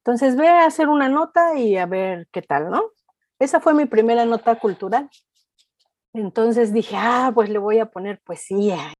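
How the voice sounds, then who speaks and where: Animated Mexican woman telling stories. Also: fairly high pitch, moderate pace, no echo. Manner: animated anecdote-telling, acting out quoted voices. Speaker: culture reporter, interview guest. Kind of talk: casual storytelling interview.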